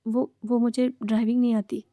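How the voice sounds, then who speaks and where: A nervous young male teacher who hesitates and stammers, always polite, as a woman narrator voices him. The delivery is soft and mellow and stays dry and close. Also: fairly high pitch, level tone, a little fast, no echo, lightly acted. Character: shy, timid young male lecturer.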